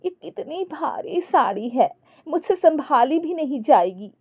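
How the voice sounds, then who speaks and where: A woman's voice: high voice, very animated, a little slow, a little mellow, pitched above the performer's own voice. A woman voicing a modest elderly mother-in-law who complains reluctantly in a storybook.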